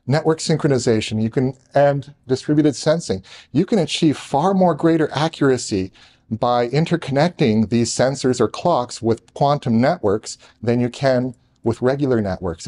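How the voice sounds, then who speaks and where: Mellow-voiced man giving a hurried tech talk. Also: medium pitch. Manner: rushed, talking fast with restarts; jokey asides to the room. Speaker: conference presenter. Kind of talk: technical presentation to a live audience. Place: conference room with audience.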